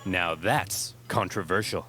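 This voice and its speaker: A man narrating a scripted comic history in an animated storytelling way. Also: low-pitched, slow pace, soft background music. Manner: animated storytelling with acted-out quotes.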